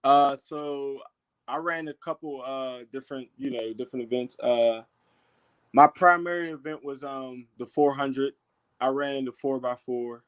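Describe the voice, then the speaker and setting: A young man from Pittsburgh, a football player as guest, talking in a relaxed way full of fillers. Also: medium pitch, measured pace, smooth. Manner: relaxed, filler-heavy, lots of "you know". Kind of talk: casual interview.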